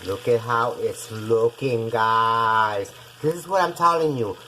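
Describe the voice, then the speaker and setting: This Puerto Rican woman, a native Spanish speaker with a Puerto Rican accent, talks her way through a casual cooking show in her kitchen, chatty and constantly addressing viewers as "guys." Her voice is rumbling and low with a sharp edge, her pace is slow, and the audio is poor with slight background noise.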